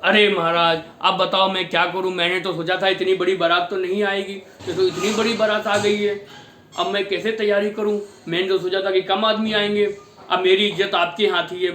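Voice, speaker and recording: A man's voice: high-pitched, sharp tone, roomy sound, slight background noise. A man doing a frantic pleading merchant. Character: panicked father of the bride, rich merchant.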